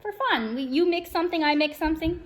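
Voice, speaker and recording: Very high and expressive, her voice moves at a quick clip while a crowd can be heard behind her. She's a friendly, earnest self-help vlogger addressing viewers directly in an upbeat vlog, occasionally reading from her own script.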